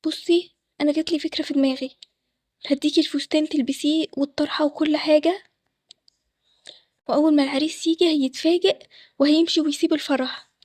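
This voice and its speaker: Egyptian woman doing a panicky young bride, high voice, super fast, dry sound. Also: steady tone, a little mellow, dry recording, close to an everyday voice. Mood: pleading. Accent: Egyptian Arabic. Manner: fast and pleading. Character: young runaway bride, desperate, pleading.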